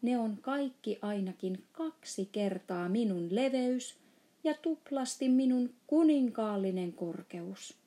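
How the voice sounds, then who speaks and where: Woman doing a big friendly giant, mangled grammar, raised lively voice, mellow tone, storybook. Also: fairly high pitch, pitched above the performer's own voice, lightly acted. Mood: emphatic. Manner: mangled words, playful boasting. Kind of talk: storybook reading.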